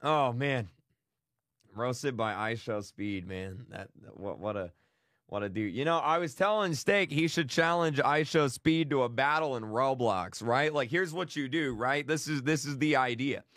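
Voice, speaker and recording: A man's voice: medium pitch, a little slow, a bit bright, no echo, studio quality. A man hosting a gaming stream, chatting casually and rambling to his viewers with lots of restarts. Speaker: gaming channel host.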